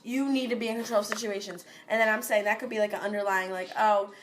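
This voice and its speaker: A woman's voice: mid-range voice, steady tone, quick pace, slight background noise. Blunt, profane young woman co-host. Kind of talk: casual chat.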